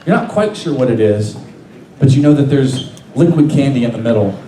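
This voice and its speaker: A man's voice: mid-range voice, animated, a little fast, mellow. A man performing as a comedy stage hypnotist, giving repetitive, suggestive patter to volunteers on stage. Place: large indoor hall. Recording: echoey large hall, distant, audience noise. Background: live audience crowd.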